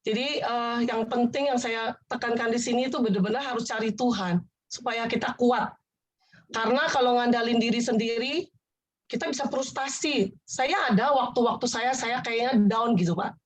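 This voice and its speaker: A woman's voice: on the high side, fairly even intonation, normal speed, poor audio. A woman sharing her personal testimony in an earnest, rambling conversational way, often restarting and addressing her listener politely. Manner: rambling, repeats herself and restarts.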